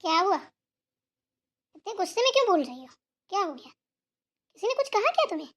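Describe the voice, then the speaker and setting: A woman voicing a bossy, teasing old grandmother in a cartoon, with quick, blunt retorts. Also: very high voice, very animated, fairly bright tone, exaggerated voice. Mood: scolding. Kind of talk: Hindi cartoon voice acting.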